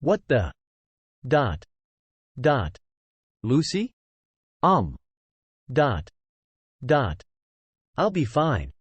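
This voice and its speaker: A man narrates a novel in the first person, mid-pitched and expressive. His pitch swings widely as he reads. The recording is close and very dry. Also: very slow, long pauses, slightly rough, no echo. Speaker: audiobook narrator.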